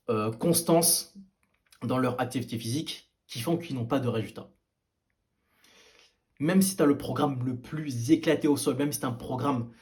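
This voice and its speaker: A man's voice: mid-range voice, a little mellow. Casual, hesitant man giving fitness tips. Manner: hesitant, many fillers and restarts, blunt and informal. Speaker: fitness video maker. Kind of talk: casual advice to camera.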